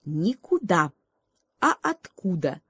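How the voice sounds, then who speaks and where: A woman voicing a brisk, blunt male hedgehog in a storybook, speaking quickly and decisively. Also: fairly low pitch, very animated, a bit bright, husky, no echo, studio quality, exaggerated voice.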